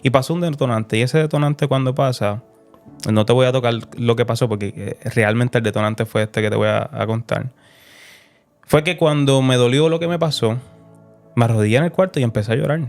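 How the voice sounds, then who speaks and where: A man's voice: mid-range voice, fairly quick, a little mellow. A young man shares his personal faith testimony as a guest, telling it earnestly and emotionally and often repeating phrases. Faint music sits under his voice. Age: young adult. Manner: earnest, emotional storytelling with repetitions.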